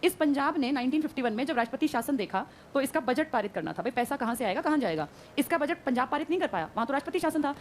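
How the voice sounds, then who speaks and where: A woman teacher giving a brisk classroom lecture, quizzing her students and answering her own questions. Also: high-pitched, animated, slight background noise.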